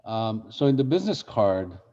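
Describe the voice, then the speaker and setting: A man's voice: on the low side, big pitch swings, normal speed, dark tone, dull audio. A man who grew up in Brazil, leading a real estate marketing workshop in a conversational way and asking the group questions. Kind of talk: interactive workshop teaching.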